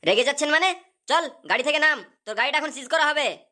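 A woman's voice: high-pitched, animated, fast talker, bright, forceful tone. A woman voicing a short-tempered male police officer in a cartoon, barking orders at young riders. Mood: angry.

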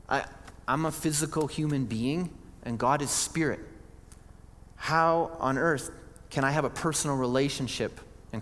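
A man's voice: mid-range voice, a bit bright. A male pastor preaching a sermon in an earnest, conversational way, often restarting his sentences. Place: church sanctuary. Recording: church hall reverb.

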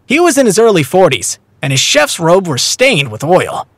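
Animated man narrating an audiobook. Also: sits high, normal speed, dry recording. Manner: animated storytelling. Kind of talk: scripted narration. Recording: dry close recording, faint music.

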